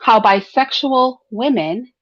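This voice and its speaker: A woman's voice: on the high side, slow pace, fairly bright tone, dry recording. A woman giving conversational solo opinion commentary, speaking informally and straight to listeners with rhetorical tag questions. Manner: frequent throat clearing. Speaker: host of a commentary livestream. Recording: dull, slightly lo-fi close dry sound.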